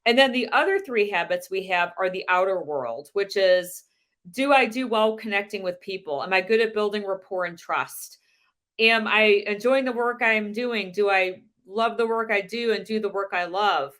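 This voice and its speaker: A woman giving a measured, deliberate motivational talk as a sales coach, asking the listener many rhetorical questions. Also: mid-range voice, a bit bright. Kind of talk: motivational presentation.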